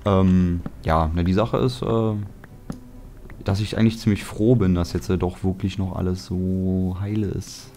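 A man's voice: deep voice, fairly even intonation, a little slow, warm tone, a little hiss or hum. A young German man giving casual, chatty let's-play commentary, grumbling and joking at himself as he sorts items and chops wood. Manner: chatty, self-mocking, grumbling asides. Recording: background music under voice.

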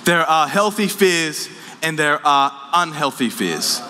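Young man, pastor, bright and forceful sermon delivery, casual storytelling, live church hall reverb. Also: a little high, lively intonation, slow pace. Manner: casual storytelling, laughs at his own stories. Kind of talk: sermon with personal anecdotes. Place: large church auditorium.

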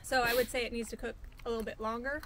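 A woman's voice: a little high, steady tone, fast talker, fairly bright tone, a little hiss or hum. Chatty woman cooking outdoors on a farm. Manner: chatty, practical, laughs easily. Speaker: farm vlogger co-host. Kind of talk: casual outdoor cooking vlog. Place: outdoors by a fire pit on a farm.

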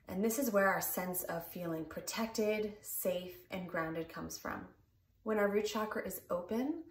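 A woman in her thirties leading a calm, gentle guided grounding exercise, unhurried and meditative. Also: fairly low pitch. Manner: calm, gentle, unhurried delivery with long pauses. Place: small plain room indoors. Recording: roomy echo, distant mic, music behind. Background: clear background music.

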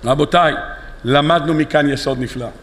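A man's voice: a little high, a bit bright. A man giving a sermon as a rabbi, telling stories with animation and acting out the dialogue. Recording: long hall reverb.

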